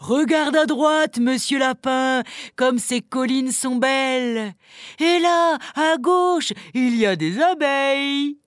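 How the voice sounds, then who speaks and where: A woman voicing a calm, cheerful, carefree female bear who talks in an unhurried, affectionate way, in a storybook reading. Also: high voice, dry recording, studio quality. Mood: easygoing.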